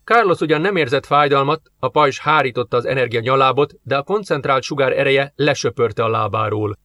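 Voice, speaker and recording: A man reads an action audiobook in a steady, measured voice at an ordinary middle pitch. The recording is dry and close, with no room sound. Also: no echo. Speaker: audiobook narrator. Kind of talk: scripted narration.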